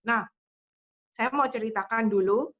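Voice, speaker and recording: Lively storytelling woman, lo-fi audio. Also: fairly high pitch, a little slow. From Indonesia. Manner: lively storytelling, acting out her own quoted lines. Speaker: motivational speaker. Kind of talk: online motivational testimony.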